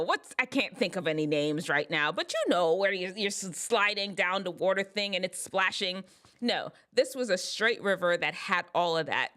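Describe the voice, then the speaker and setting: A woman hosting an advice show, telling a personal story in a casual, expressive way. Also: medium pitch. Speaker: host giving advice to teens.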